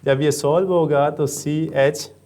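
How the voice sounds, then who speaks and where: A man with a Pakistani Urdu accent teaching a chemistry lesson, explaining step by step and answering his own questions, with frequent "uh" pauses. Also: on the high side, steady tone, darkish tone. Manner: often says "uh". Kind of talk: classroom lecture.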